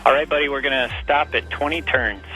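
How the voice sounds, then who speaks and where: A man's voice: mid-range voice, moderate pace, pushed and bright, faint music behind, rough recording. A man, an astronaut, speaking briefly and matter-of-factly over breaking-up space radio.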